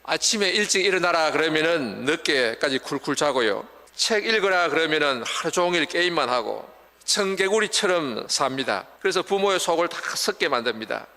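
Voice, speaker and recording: A man's voice: a little high, animated, moderate pace, sharp tone. Older male preacher in a reverberant church. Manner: earnest preaching, acting out wailing mourners. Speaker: pastor. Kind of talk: sermon. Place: church sanctuary. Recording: long church hall reverb.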